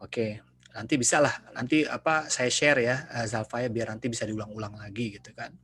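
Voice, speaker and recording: Husky man giving a relaxed online lecture. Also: medium pitch, fairly quick. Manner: relaxed, joking, chatty with students. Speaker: university lecturer. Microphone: video call computer mic.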